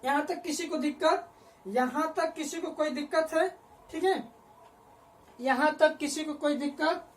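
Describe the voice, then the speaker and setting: High-pitched woman teacher, slow repetitive dictation to a class, mic set back from her. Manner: repeats phrases slowly for students to write down; asks the class questions and answers them herself. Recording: voice picked up from a distance.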